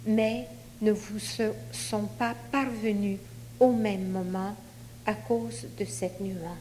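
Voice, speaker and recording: A woman leading a group in a guided meditation, giving measured instructions in short phrases. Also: medium pitch, steady tone, warm tone. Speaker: leader of a spiritual group exercise. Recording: long hall reverb, faint noise.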